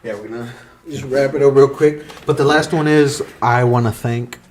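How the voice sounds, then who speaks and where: A man's voice: mid-range voice, normal speed. A man hosting a podcast, loose and chatty, wrapping up a casual conversation. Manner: loose and chatty, says bro and dude. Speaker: podcast host. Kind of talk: casual chat.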